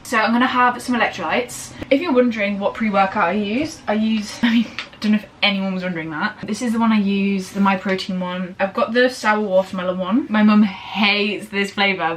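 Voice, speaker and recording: A young woman chatting casually in a vlog, rambling and bubbly, fast and breathless after a workout, filmed in her kitchen. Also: medium pitch. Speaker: lifestyle vlogger. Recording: slightly distant camera audio with faint room noise.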